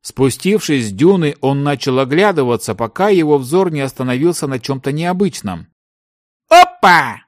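A man narrating a fantasy story in a dramatic, expressive reading. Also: mid-range voice, moderate pace, few pauses, no echo, clean studio sound. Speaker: audiobook narrator.

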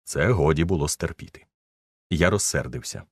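A man narrating a story as an audiobook reader, with expressive, ironic storytelling. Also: extremely low pitch, normal speed, dry recording, studio quality. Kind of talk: scripted story reading.

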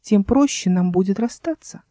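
A woman's voice: mid-range voice, expressive, moderate pace, dark tone, no echo, clean studio sound, close to an everyday voice. A woman voicing a scornful, scheming immortal young woman in a fantasy audiobook, in a mocking tone.

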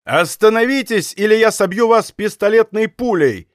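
A man voicing a furious, desperate musketeer captain who shouts commands and oaths in an audiobook. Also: high-pitched, takes it slowly, dry recording, studio quality. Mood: shouting. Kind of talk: audiobook character acting.

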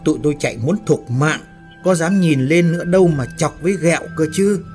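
A man's voice: medium pitch, expressive, a little slow, darkish tone, soft background music, close to an everyday voice. A man voicing a frightened, confused young male worker who stammers and cries out in panic.

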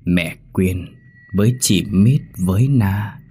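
A man voicing a creepy possessed doll girl who pleads and wheedles in a drawn-out way, in a horror story reading. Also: deep voice, dark tone, slightly rough, heavily acted. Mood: menacing.

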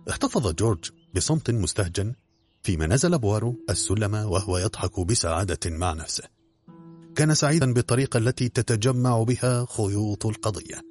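Low-voiced man reading a story. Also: animated, a little mellow, soft background music. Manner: measured, theatrical reading, voicing characters. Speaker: narrator. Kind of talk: audiobook narration.

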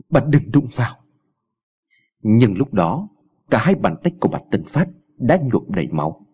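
A man's voice: fairly low pitch, dark tone, slightly rough. A man narrating a dramatic story and reading all the characters' lines himself, lifting his voice sharply for the cries. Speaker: audiobook narrator.

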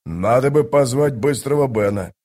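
A gruff, suspicious sapper in an audiobook drama, as a male narrator plays him, voiced close to the reader's own voice. He growls and grumbles his lines. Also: mid-range voice, animated, normal speed, warm tone, lightly acted.

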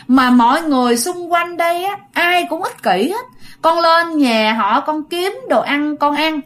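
A woman's voice: sits high, lively intonation, a little slow, fairly bright tone, pitched above the performer's own voice. A woman voicing the ghost of a young girl under ten who sulks and pleads in a childish, whiny way. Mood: sulky pleading.

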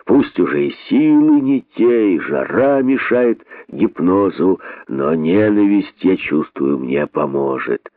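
A man's voice: sits low, lively intonation, slow pace, dry recording, exaggerated voice. An actor reading an audiobook, voicing a hateful old male boa who talks in a heavy, brooding, hissing way, on tinny phone-like audio.

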